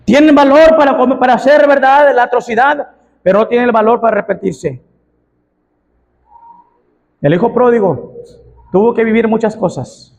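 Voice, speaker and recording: A man with a Mexican Spanish accent preaches a fervent sermon, often raising his voice to a shout. His voice sits very high for a man and has a gravelly edge. The sound carries the long reverb of a church hall. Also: moderate pace, pauses often, muffled recording. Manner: impassioned preaching, shouting out quoted pleas. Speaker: pastor.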